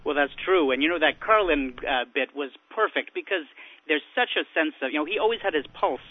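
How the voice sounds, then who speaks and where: A man's voice: on the high side, a little fast, no room sound, phone-quality sound. A man speaking as a popular science writer on a radio interview, explaining with enthusiasm and a lot of restarts.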